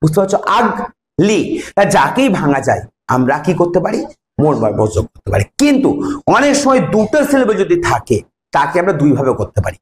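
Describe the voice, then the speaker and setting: A man's voice: fairly high pitch, big pitch swings, reverberant, a little hiss or hum. A male English teacher, teaching grammar in a classroom style, stretching key words and quizzing pupils. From Bengal. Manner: drawn-out, sing-song stretching of key words, asks pupils questions. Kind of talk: classroom lesson explaining grammar.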